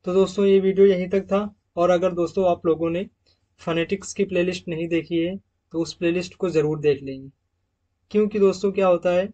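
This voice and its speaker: Brief: male teacher, fairly high voice, patient word drills, dull lo-fi recording. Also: warm tone. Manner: addresses viewers as friends, repeats example words slowly. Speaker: English teacher. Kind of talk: slide-based pronunciation lesson.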